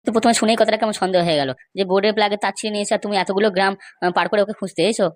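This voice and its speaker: A woman voices an aggrieved, scheming male villager in an amateur comedy cartoon, griping in an emphatic, gossipy, indignant way. Her natural mid-range voice races along with a steady tone, captured on a dry recording.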